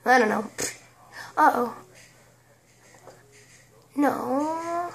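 A woman casually commenting on a life-sim game, rambling and halting, often tripping over words. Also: high voice. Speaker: game video creator.

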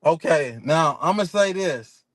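A man's voice: fairly high pitch, expressive, no room sound. A man whose voice sits well above most men's, heard dry and close over a video call. He answers questions on a live stream defensively, circling back to the same words and stumbling through restarts. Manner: defensive, repetitive, halting restarts.

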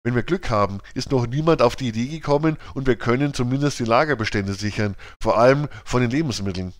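A man voicing a resourceful boy who calmly plans what his friends should do, speaking in a steady, matter-of-fact way. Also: medium pitch, fast talker, dry recording, lightly acted. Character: resourceful boy leader, calm and decisive.

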